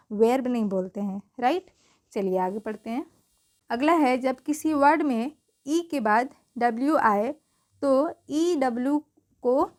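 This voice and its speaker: A woman's voice: a little high, a little mellow. A woman teaching English pronunciation rules in a patient way, spelling words out letter by letter and often checking that the listener has understood. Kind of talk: spelling-rule lesson.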